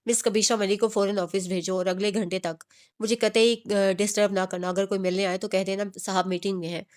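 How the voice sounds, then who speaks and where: Curt young male boss from a romance audiobook, dry and unhurried, read by a woman. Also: medium pitch, flat delivery, a little mellow, lightly acted.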